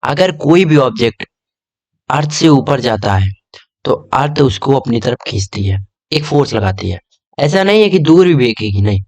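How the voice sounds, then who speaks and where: A man's voice: medium pitch, animated, normal speed, darkish tone. Chatty young male tutor. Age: young adult. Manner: chatty, keeps checking with "okay?". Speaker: exam prep teacher. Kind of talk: casual video lesson.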